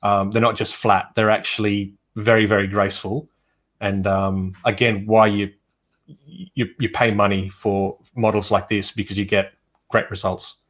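A man, a photographer, chatting casually on a livestream over a video call and telling shoot stories in a relaxed way with many fillers. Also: on the low side, normal speed. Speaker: photographer guest.

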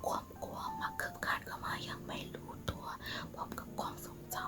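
A woman narrating a story in a soft, spa-like ASMR whisper, in a slow, halting way. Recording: music behind the whisper. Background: music.

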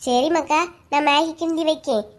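A woman's voice: sits high, fairly even intonation, normal speed, voice pushed down, close to an everyday voice. A woman voicing a bossy, scheming cartoon mother with a Kanyakumari Tamil accent, coaxing and ordering her kids. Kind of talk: cartoon voice acting.

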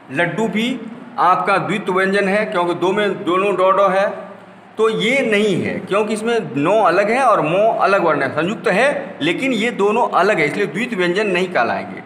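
A man teaching a school grammar lesson, spelling out letters slowly one by one and explaining with rhetorical questions. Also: sits high, fairly bright tone, reverberant, in a large hall, slight background noise.

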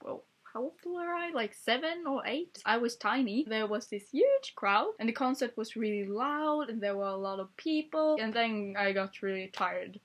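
A young vlogger whose native language is Swedish chats playfully into a desk webcam for a casual tag video, laughing often in her small bedroom. Her voice is fairly high and expressive, moving at a moderate pace with hardly any pauses.

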